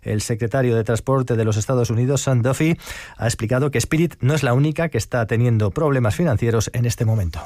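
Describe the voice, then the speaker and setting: A man reading the evening news bulletin as a radio anchor in a measured, formal way. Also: medium pitch, darkish tone, dry recording, studio quality. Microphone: studio microphone.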